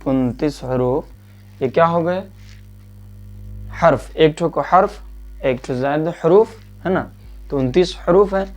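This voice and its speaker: A man teaching a Quran reading lesson, patiently asking questions and answering them himself, and drilling letter sounds slowly. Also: a little high, darkish tone, faint music behind. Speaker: religious teacher.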